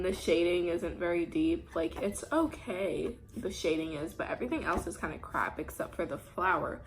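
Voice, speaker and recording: A young woman in her late teens with a sore throat, chatting casually and softly at home while she eats. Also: lowish voice, slight background noise, poor audio. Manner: talking softly while eating. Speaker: art student vlogger. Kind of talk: casual chat.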